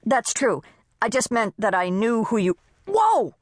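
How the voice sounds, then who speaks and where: A woman's voice: a little high, moderate pace, no echo, studio quality, voice pushed up, close to an everyday voice. A woman voicing a witty, nervous pregnant housewife who teases with wisecracks. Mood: teasing. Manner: wisecracking, teasing.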